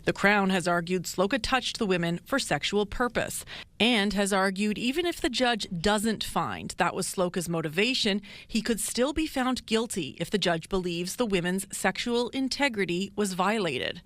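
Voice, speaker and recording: A woman, a television reporter narrating a news story in a measured, formal way. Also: medium pitch, lively intonation, fairly bright tone, dry recording.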